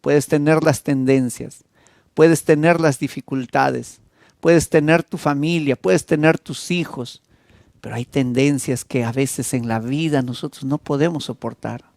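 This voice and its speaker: A man with a Peruvian accent preaching an evangelistic sermon as a pastor, telling the story with dramatic swings between loud and soft. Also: steady tone, measured pace, gravelly, dry recording. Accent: Peruvian Spanish. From Peru. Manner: emotive, dramatic storytelling with wide swings in pitch and loudness.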